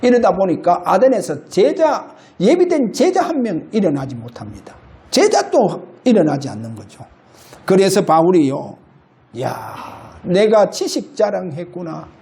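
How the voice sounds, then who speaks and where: A male pastor preaching an impassioned sermon in a church, shifting between loud and low. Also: sing-song, a little slow. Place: church sanctuary.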